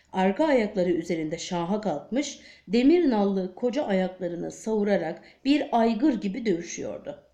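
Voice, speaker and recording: A woman narrating an audiobook in a steady, measured storytelling manner. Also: mid-range voice. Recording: echoey room.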